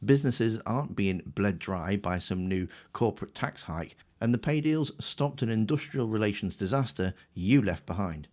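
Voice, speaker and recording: A man with a fairly low voice delivers scripted commentary as a rebuttal. He sounds smug and sarcastic, mocking the claims he picks apart. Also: lively intonation, moderate pace, hardly any pauses, darkish tone. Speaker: political commentator.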